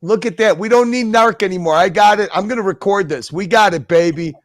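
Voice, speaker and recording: A man's voice: sits high, a little fast, dry recording, clean studio sound. A man hosting a live stream, rambling casually and chuckling as he reacts to old clips. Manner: chuckling, rambling, interrupts himself. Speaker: streamer host.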